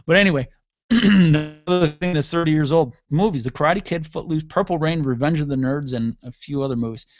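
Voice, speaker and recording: A man's voice: a little high, brisk, dry recording, highs cut off. A middle-aged man hosting a radio show, delivering a sarcastic, mocking comedic rant on his own.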